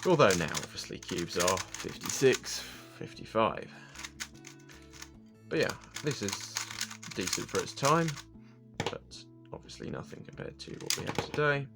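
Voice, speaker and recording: A man's voice: lowish voice, sing-song, unhurried. A man casually reviewing puzzle cubes, rambling and correcting himself as he thinks aloud over background music. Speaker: cube reviewer.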